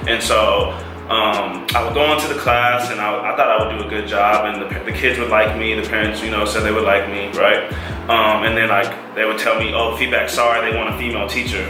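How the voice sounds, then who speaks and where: Young guy from california, laid-back storytelling, low voice, super echoey room. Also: steady tone, fairly quick. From California, United States. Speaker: English teacher. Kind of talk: casual chat. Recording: very echoey room with background music.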